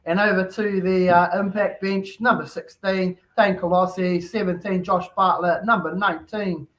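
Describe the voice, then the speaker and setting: A man's voice: sits high, steady tone, moderate pace, fairly bright tone, rough recording. A man hosting a casual chat, talking in an easygoing, matey way. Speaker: host.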